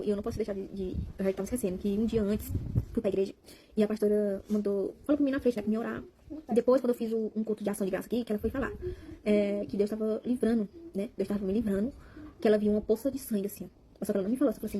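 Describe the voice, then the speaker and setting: Warm and husky at medium pitch, a young Brazilian woman speaks to her viewers as a vlogger sharing a personal testimony. She rambles with emotion, repeating words and calling out to them, in a Brazilian Portuguese accent.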